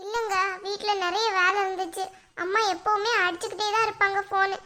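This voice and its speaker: A woman's voice: extremely high pitch, steady tone, brisk, sharp tone. A woman voicing a weepy, guilt-stricken young wife in a cartoon, talking in a tearful, pleading way. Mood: guilt-ridden. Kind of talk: cartoon voice acting.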